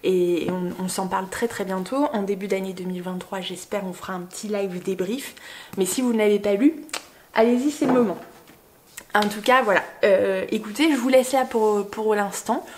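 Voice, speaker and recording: A young woman vlogging casually, excitedly gushing over a book gift she unboxes. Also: mid-range voice, normal speed, a little hiss or hum. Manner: gushing, excitable, many exclamations.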